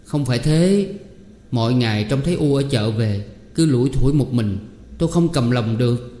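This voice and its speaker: A man's voice: mid-range voice, animated, normal speed, mellow, natural voice. A man reading aloud, voicing a pleading young adult son in a raised, wheedling voice. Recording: echoey room with long reverb.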